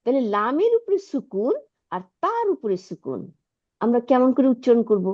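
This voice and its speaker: A woman runs an online Arabic lesson, her higher voice rising and falling a lot as she explains. She patiently repeats words and keeps checking whether her student follows. The sound is dull and lo-fi, like an online call. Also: big pitch swings, normal speed. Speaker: Arabic teacher.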